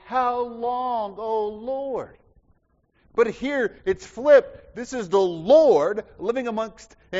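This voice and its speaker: A man preaching with a lively, swooping delivery, piling up repeated phrases and falling to near whispers before rising again. His voice is a touch higher than most men's. The recording is dull and carries a long reverb, as in a large church. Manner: impassioned, rhetorical repetition, swings from loud to hushed. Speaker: pastor. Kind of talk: sermon.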